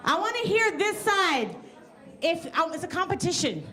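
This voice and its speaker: A woman's voice: very high voice, sing-song, normal speed, sharp tone. A woman emceeing a festival program on stage, joking with the crowd and rallying them, a bit out of breath. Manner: playful, joking, rallying the audience.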